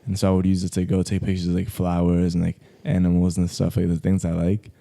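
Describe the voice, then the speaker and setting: A young man born in Colombia and raised in South Florida speaks fast in a low, gravelly, warm voice with a completely flat delivery. A guest photographer on a podcast, he's laid-back in the studio, talking casually with heavy use of "like" fillers and slang.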